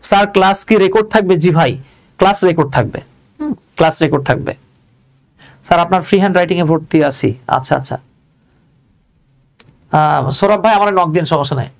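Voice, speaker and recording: A man's voice: sits high, fast, gravelly, long pauses. A man teaching English grammar in a chatty live online lesson, joking about himself and reading out viewer comments.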